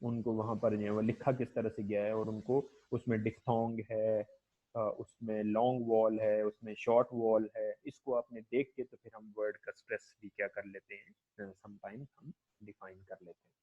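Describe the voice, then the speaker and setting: A man giving a classroom lecture, slowly repeating example words and checking in with "okay". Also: fairly low pitch, little pitch movement. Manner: frequent "okay" checks and filler pauses. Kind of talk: classroom lecture in mixed Hindi and English. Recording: dull lo-fi lecture recording.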